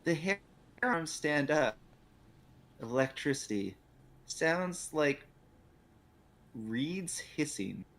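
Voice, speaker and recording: A man's voice: fairly high pitch, animated, extremely slow, vocal fry, long pauses, fairly bright tone, a little hiss or hum. A man casually co-streaming a video game, commenting and reading lines aloud.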